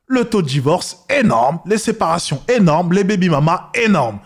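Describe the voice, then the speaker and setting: Scornful high-voiced man lecturing. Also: sing-song, normal speed. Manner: mocks others with high squeaky voices. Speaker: commentator reacting to a video. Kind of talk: reaction commentary.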